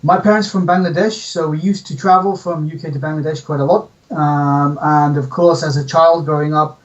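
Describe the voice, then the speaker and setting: A man from the UK, telling his story as an interview guest in a relaxed way. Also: fairly high pitch, normal speed, distant mic, lo-fi sound. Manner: relaxed storytelling, says "yeah?". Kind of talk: casual interview.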